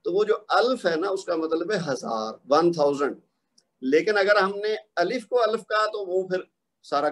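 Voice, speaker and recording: A man with a fairly high voice teaches recitation as a patient lesson. He asks small questions and answers them with one example after another. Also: a bit bright. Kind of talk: explanatory lesson.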